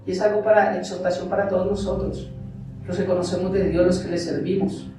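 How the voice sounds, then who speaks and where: A man's voice: high-pitched, flat delivery, a little fast. A male pastor preaching a sermon and telling his own testimony, asking the congregation rhetorical questions. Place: church sanctuary. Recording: echoey church hall, far mic, music behind. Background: music.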